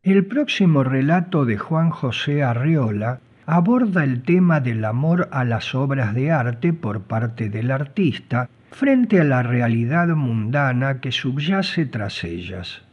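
A man's voice: mid-range voice, husky. A man presenting a short story with scripted literary commentary in an explanatory tone. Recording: dull lo-fi recording.

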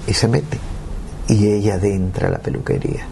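A man's voice: on the low side, fairly even intonation, normal speed, gravelly, warm tone, slight background noise. A man, giving an earnest, emotional personal testimony.

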